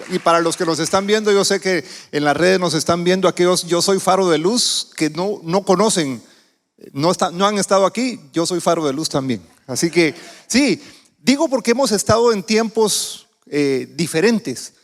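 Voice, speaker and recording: A man's voice: high-pitched, normal speed, in a large hall, a faint crowd. A man from Guatemala preaching a sermon as a visiting speaker, talking conversationally and putting questions to the congregation. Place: church sanctuary.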